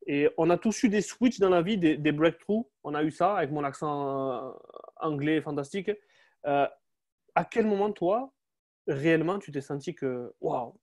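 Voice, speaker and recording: A man's voice: a little high, darkish tone. A man hosting an interview, asking questions with enthusiasm and frequent exclamations. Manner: enthusiastic, exclaims "wow", stumbles over restarts. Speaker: interviewer, host. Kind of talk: casual interview.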